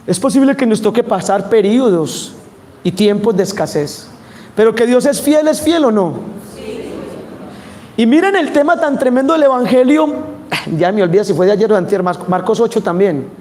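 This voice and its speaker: A man with a Colombian Spanish accent preaching a sermon, animated and asking his audience questions. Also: high voice, normal speed, slight background noise.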